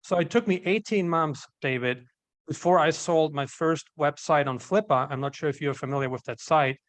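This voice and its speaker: A man's voice: on the high side, normal speed, no echo. Upbeat Austrian-born man telling his story. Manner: storytelling, upbeat, frequent "you know". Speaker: guest entrepreneur. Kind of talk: casual interview chat.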